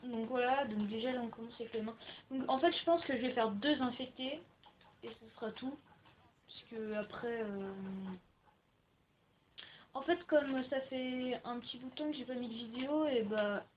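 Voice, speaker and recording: A young woman talks through a game as she plays, rambling and chatty, with frequent filler words. Her voice sits a little high. The home mic sounds slightly muffled and lo-fi, with a faint hiss underneath. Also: normal speed. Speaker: gaming video maker. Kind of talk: casual gaming commentary. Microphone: home computer microphone.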